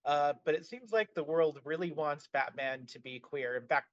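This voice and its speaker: A man's voice: a little high, lively intonation, moderate pace, no room sound, lo-fi sound. A man co-hosting a podcast in casual discussion, chatty with frequent fillers and restarts. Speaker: podcast co-host.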